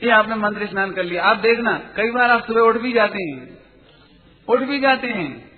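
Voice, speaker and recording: A man teaching as a Jain teacher in a spiritual lecture, explaining quickly and earnestly and correcting pronunciation. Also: high-pitched, animated. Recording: tinny phone-like sound in a reverberant hall.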